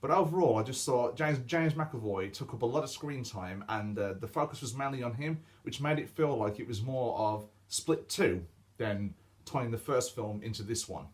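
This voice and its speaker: Casual male vlogger, opinionated and chatty, ordinary mid pitch. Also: moderate pace. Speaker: film reviewer. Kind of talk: casual review vlog.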